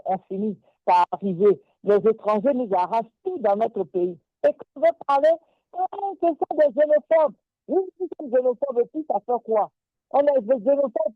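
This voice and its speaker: A woman's voice: a little high, dry recording. Indignant Ivorian woman on a tinny line. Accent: Ivorian French. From Côte d'Ivoire. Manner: indignant, emphatic, repeats her points. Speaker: political commentator. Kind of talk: impassioned political commentary. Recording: dry, tinny phone-like line.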